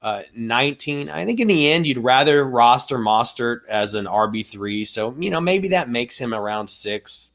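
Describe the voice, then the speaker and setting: A man of middle pitch co-hosts a podcast, talking things through in an easy analytical way. He walks steadily through figures and details, softening his points with hedges as he thinks aloud. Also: expressive, moderate pace, vocal fry, hardly any pauses. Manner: methodical, runs through stats and contract figures; hedging, thinks aloud with "you know". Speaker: podcast co-host. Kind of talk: casual sports analysis chat.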